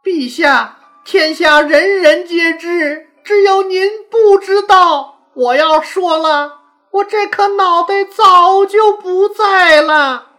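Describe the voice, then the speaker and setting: A woman's voice: sits high, bright, forceful tone, faint music behind, pitched above the performer's own voice, heavily acted. A woman doing a tearful young palace servant. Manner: tearful, slow and pleading.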